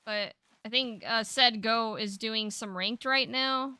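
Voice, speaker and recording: A woman's voice: a little high, slow pace, sharp tone, clean tone, no room sound. A woman streaming a fighting game, chatting casually and reading chat aloud with a laid-back, rambling manner full of fillers.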